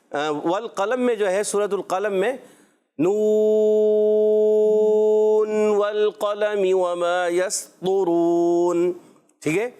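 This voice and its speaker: A man teaching children Quran letter pronunciation, patient and encouraging, drawing out each letter sound for them to repeat. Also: high voice.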